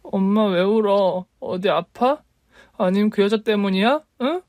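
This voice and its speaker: A man's voice: high-pitched, unhurried, darkish tone, no room sound, voice pushed up. A man doing a stubborn, resentful young daughter. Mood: worried. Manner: raised, insistent.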